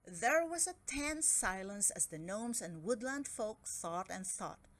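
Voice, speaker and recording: A woman with a mid-range voice reads a children's story aloud, performing it expressively and deliberately as a storybook reader.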